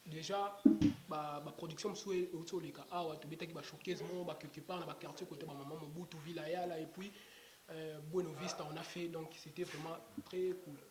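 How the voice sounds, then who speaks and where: Recorded in an echoey room with clear background noise, including crowd sounds, a young Congolese rapper rambles through a casual interview, full of fillers and restarts. He's fairly high-pitched with fairly even intonation and talks fairly quickly.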